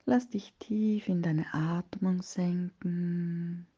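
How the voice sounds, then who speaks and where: The recording is muffled: a woman with a lowish voice and fairly even intonation guides a meditation. She speaks in a soothing hush, soft and breathy, partly whispering, with long pauses between phrases.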